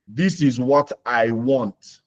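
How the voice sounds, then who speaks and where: Over a lo-fi connection, a Nigerian webinar host runs a live career Q&A, talking slowly in a medium-pitched male voice. He leans on homely examples and repetition, often pausing to ask "you understand?" to make sure his audience is keeping up.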